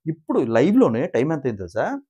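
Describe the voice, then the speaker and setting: A man's voice: fairly high pitch, fast, slightly rough, lo-fi sound. A man, chatting casually as he recaps a reality show like gossip for his viewers. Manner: animated gossiping storyteller, asks viewers to like and subscribe.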